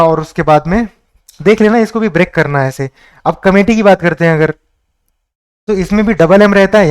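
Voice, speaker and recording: A man from India teaches spelling for competitive exams in a patient, explaining manner. His voice sits high for a man and sounds smooth and clear. He mixes English terms into his talk and spells words out letter by letter. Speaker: English teacher for exam prep. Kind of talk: online exam-prep lesson.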